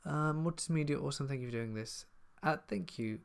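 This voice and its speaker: This horror story channel host, a man from the south of England, has a clean, medium-pitched voice and talks a little fast. During a live stream Q&A he chats casually, reading out comments from viewers and then responding to each.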